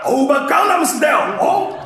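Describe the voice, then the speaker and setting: A supporting crosstalk performer with a high voice that swings widely in pitch. The performer answers with quick interjections and bursts of song on stage. The sound is heavily echoey, as if in a big hall. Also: very animated, bright, forceful tone, raised voice, distant mic. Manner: quick interjections, sings snippets.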